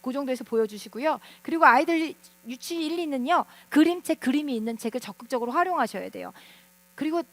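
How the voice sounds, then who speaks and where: A woman teacher giving an animated lecture to parents, often asking the audience questions. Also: high voice, quick pace, no echo. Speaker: teacher speaking at a parent seminar.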